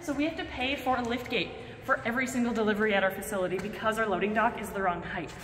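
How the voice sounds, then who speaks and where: Her pace quick and her pitch medium, a young adult woman gives a building tour for a casual vlog, animated and projecting excitedly on camera. The setting is a large, empty indoor warehouse with bare rooms. Captured on a camera mic a short way off, the audio is echoey and noisy.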